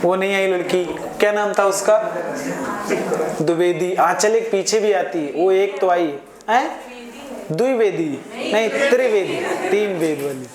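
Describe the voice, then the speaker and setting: A man's voice: high-pitched, measured pace. A man teaching Hindi grammar to a live class, repeating each word several times and often asking his students if they follow. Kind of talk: classroom lecture. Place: echoey classroom full of students. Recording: echoey classroom with student chatter.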